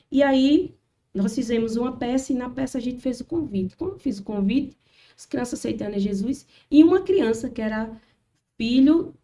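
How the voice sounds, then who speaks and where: A woman's voice: on the high side, far from the mic, slight background noise. A woman telling a church testimony as a podcast guest, acting out the people in her story. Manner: animated storytelling, acts out quotes. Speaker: guest, children's ministry worker. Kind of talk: testimony in casual chat.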